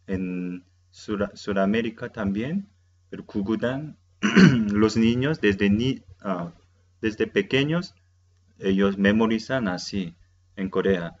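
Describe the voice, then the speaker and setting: A man's voice: lowish voice, highs cut off, a little hiss or hum. A man whose first language is Korean, teaching a language lesson with a patient, repetitive delivery that keeps checking his students follow. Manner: repeats key words and checks understanding with "¿sí?".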